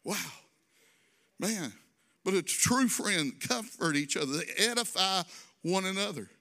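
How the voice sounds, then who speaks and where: A man's voice: high voice, expressive, unhurried, pushed and bright. A male pastor preaching a conversational sermon, drawing phrases out in a sing-song and adding folksy asides.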